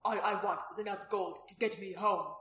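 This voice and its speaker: A woman's voice: medium pitch, steady tone, moderate pace, fairly bright tone, lightly acted. A woman reading the part of a blunt, hardened former gladiator who speaks curtly and dryly, in a storybook reading. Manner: curt, dry, firm. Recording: roomy echo.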